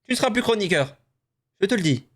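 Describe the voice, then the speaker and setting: A young man with a slightly high voice hosts a live stream in a loose, rambling way. He grew up in the French Basque Country, jokes with his co-host and swears freely while guessing words. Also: very animated, fast talker. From Basque Country, France. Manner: chatty, swears, talks to co-host while playing. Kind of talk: casual live-stream chat.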